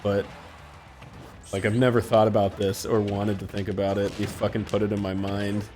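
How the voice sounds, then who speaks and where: A man's voice: on the low side, little pitch movement, normal speed, darkish tone, slight background noise. A man streaming a video game, chatting casually with a friend in profane, joking banter. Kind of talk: casual gaming chat.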